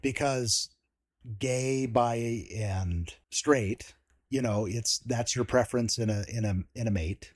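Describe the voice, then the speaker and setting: A man hosting a casual podcast interview, agreeing often and giving his opinions in halting, restarted sentences. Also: medium pitch, no echo, clean studio sound. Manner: agreeable, with short affirmations and halting, opinionated remarks. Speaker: podcast host.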